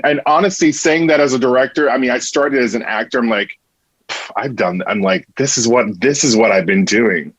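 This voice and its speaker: A man's voice: on the low side, breathy edge, no echo, low-quality recording. A man who works as a theatre director, talking earnestly in a casual conversation and often restarting and repeating words.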